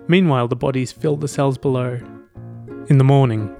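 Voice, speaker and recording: A man narrating a story in a steady storytelling voice, reading the characters' dialogue as he goes. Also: mid-range voice, brisk, gravelly, music in the background. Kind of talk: scripted narration.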